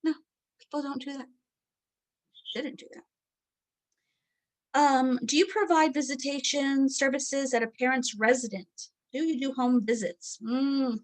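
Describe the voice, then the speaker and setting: A middle-aged woman teaches a training lesson in a chatty, candid way. She fills her talk with ums and acts out quoted phone calls. Her voice sits a little high. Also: fairly even intonation, moderate pace. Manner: chatty and candid, with many fillers and quoted asides. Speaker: training instructor.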